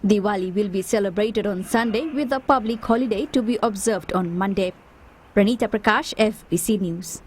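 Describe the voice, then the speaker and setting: A woman's voice: medium pitch, moderate pace, slight background noise. A woman reading a scripted news report.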